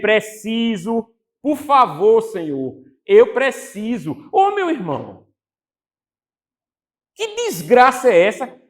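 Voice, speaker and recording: A man preaching a sermon as pastor, animated, acting out quotes and putting questions to the congregation. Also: extremely high pitch.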